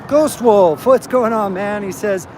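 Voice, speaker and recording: A man hosts a casual live stream, chatting upbeat and straight to his viewers while he carries his gear outdoors. His voice sits high for a man. Loud vehicle and street noise from the open lot runs under his phone audio. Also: unhurried. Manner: upbeat, talks straight to chat. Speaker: livestream host. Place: outdoors at a truck stop parking lot. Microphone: handheld phone.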